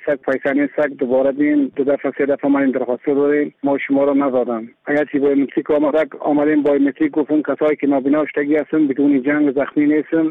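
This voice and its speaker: A man's voice: on the high side, dry recording. A man from Badakhshan with a Badakhshani Afghan accent making an unscripted spoken appeal in a listener's message. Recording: narrow phone-like message line.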